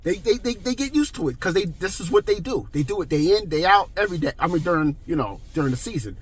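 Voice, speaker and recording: Husky man with a high voice. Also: very animated, quick pace. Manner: talkative, emphatic, keeps checking in with "okay?". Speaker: vlogger. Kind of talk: casual monologue.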